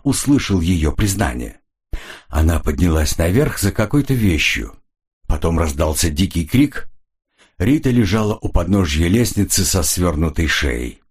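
A man's voice: low voice, a little mellow, husky, full character voice. A man voicing a nervous, evasive man who talks defensively in a raised, strained voice.

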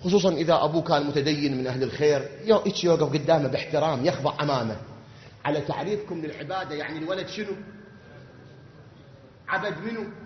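A man with an Iraqi Arabic accent preaching a sermon, animated and full of rhetorical questions, swinging from loud outbursts to quiet asides. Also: fairly high pitch, quick pace, reverberant, big-room sound, lo-fi sound, a little hiss or hum. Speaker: religious preacher.

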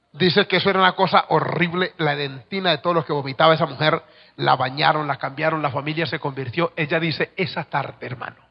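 A man preaching a sermon as pastor, telling a story and swinging from hushed tones to shouts. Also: fairly high pitch, creaky. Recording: dull lo-fi recording with long hall reverb.

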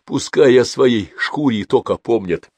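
A man voicing a foul-mouthed old man in his eighties on his deathbed, gruff and short of breath. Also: medium pitch, animated, measured pace, a little mellow, no room sound, pitched above the performer's own voice. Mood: grumbling.

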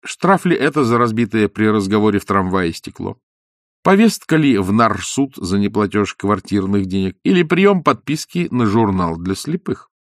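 A man narrating an audiobook in an expressive storytelling manner. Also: on the low side, normal speed, no room sound, clean studio sound.

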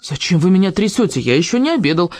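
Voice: mid-range voice, sing-song, quick pace, a little mellow, no echo, clean studio sound, close to an everyday voice. A reader voicing a sly schoolboy who whines and pleads with a grown-up in an audiobook. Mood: pleading. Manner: whining, pleading. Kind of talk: audiobook character voice.

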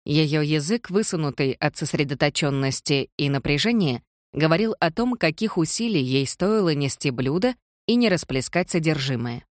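An audiobook narrator reading a period romance in an even, measured way. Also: mid-range voice, dry recording, studio quality. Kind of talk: scripted narration.

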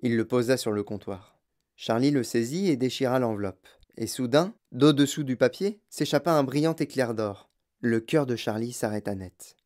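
Man, audiobook narrator, expressive storytelling, medium pitch. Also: normal speed. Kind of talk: scripted narration.

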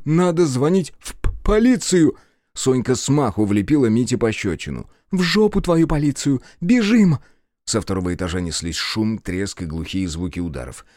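A man giving a tense, measured dramatic narration of a story. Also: mid-range voice, darkish tone, dry recording, studio quality. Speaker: audiobook narrator.

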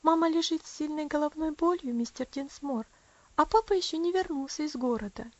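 A woman voicing a gentle, affectionate young woman in an audiobook, speaking tenderly and soothingly. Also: high voice, fairly quick, dry recording, dull audio, pitched above the performer's own voice, natural voice. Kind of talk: audiobook character voice.

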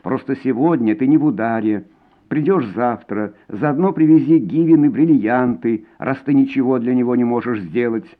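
A man reading a story, voicing a smooth baritone who speaks softly and coaxingly. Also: moderate pace, natural voice. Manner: soft, coaxing. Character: soft-spoken, smooth male baritone singer. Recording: tinny phone-like sound.

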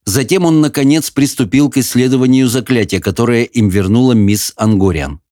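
A man giving expressive, measured audiobook narration of a fantasy novel. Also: medium pitch, no echo, studio quality.

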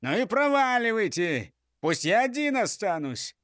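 A man's voice: high-pitched, big pitch swings, a little slow, fairly bright tone, no room sound, studio quality, voice pushed up, heavily acted. A man doing a bossy boastful robber chief. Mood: mocking. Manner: scolding, mocking. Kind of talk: audiobook character voice.

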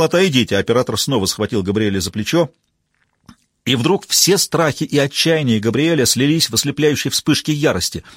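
Man narrating audiobook, husky voice, dry close sound, steady even delivery. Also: medium pitch, dry recording. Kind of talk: scripted narration.

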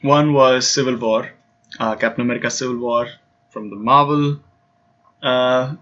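A man's voice: medium pitch, fairly even intonation, a little slow, sharp tone, muffled recording. A man co-hosting a podcast, chatting casually in a hesitant, teasing way. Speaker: podcast co-host. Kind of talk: casual chat.

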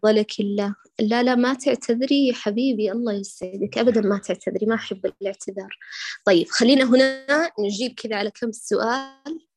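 A woman teaching Quran recitation in an online class, correcting a student and demonstrating sounds slowly. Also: a little high, darkish tone, no room sound.

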